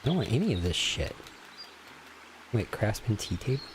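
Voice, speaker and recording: A man in his forties streams a video game, bantering crudely and casually with his viewers in a mock-serious way. His lowish voice is very animated at a moderate pace, with a noisy background behind him.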